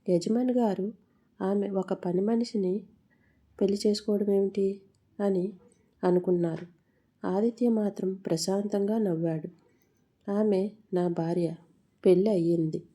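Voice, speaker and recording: A woman narrating a moral story in a measured storytelling manner, with the odd small slip. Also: mid-range voice, mellow.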